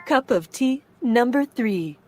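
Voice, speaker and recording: A woman calling bingo numbers with their rhyming calls, slow and measured. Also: fairly high pitch, animated. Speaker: bingo caller. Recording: loud music playing underneath.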